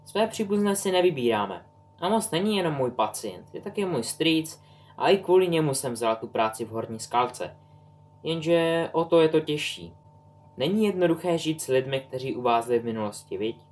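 A man's voice: a little high, expressive, natural voice. A man voicing a young woman in her twenties, an eager, talkative and tactless witch. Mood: rueful.

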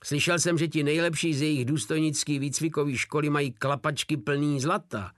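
A man voicing a greedy, crude soldier who talks loud and coarse. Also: fairly high pitch, fairly even intonation, dry recording, studio quality, natural voice. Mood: eager.

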